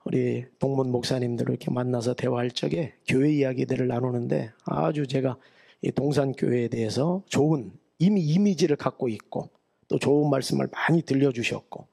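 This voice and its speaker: A middle-aged Korean pastor with a Chungcheong accent, preaching a revival sermon in a church. His voice is gravelly with a husky edge, and he talks in a folksy, chatty way, teasing the congregation. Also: medium pitch, moderate pace, dark tone. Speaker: guest pastor. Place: church sanctuary.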